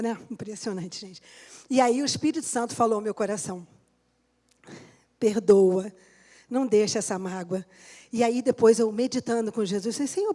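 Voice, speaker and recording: High-voiced woman pastor giving testimony. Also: mellow. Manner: personal testimony, laughing often, addressing the congregation. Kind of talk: sermon. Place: church.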